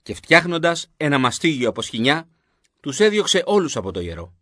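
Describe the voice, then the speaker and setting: Male narrator, measured scripted Bible reading, dry close sound. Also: a little high, sing-song, a bit bright, no room sound.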